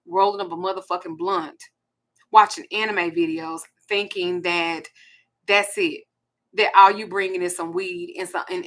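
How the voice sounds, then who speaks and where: Blunt, bright-voiced woman in her forties. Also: lowish voice. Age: 40s. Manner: blunt, profane and emphatic. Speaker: host. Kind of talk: ranting monologue.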